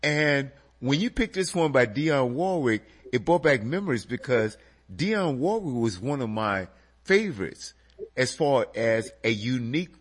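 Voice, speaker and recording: A radio show host leads a relaxed music chat, talking straight to his listeners and calling them folks. His stuffy, slightly nasal voice is a little husky, and its pitch swings up and down. He speaks slowly but in an animated way.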